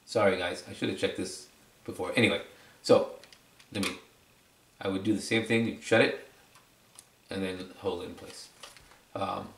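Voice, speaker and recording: The man's low, steady voice moves at a normal speed with vocal fry and long pauses, over a little hiss or hum. He's a product reviewer and video presenter doing a casual, unscripted demo, explaining conversationally and repeating phrases for emphasis. A distant mic gives the sound a roomy echo.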